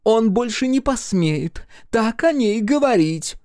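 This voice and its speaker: A man's voice: sits high, sing-song, slow, dark tone, no echo, studio quality, pitched above the performer's own voice, full character voice. A man reading a story aloud, voicing a domineering middle-aged mother who speaks curtly and imperiously. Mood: indignant. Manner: curt, imperious, clipped.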